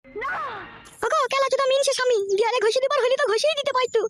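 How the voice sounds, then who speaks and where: A crude village mother in a cartoon scolds and bosses her family around in a high voice, voiced by a woman. She fires off her lines very fast. Her manner is earthy and blunt. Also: steady tone. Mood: scolding. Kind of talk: cartoon voice acting.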